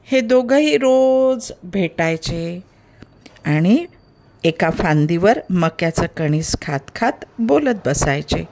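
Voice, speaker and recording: Woman reading a kids' fable, low-ish voice, unhurried. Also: lively intonation. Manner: slow, gentle storytelling addressing children. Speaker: storyteller. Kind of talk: children's story narration.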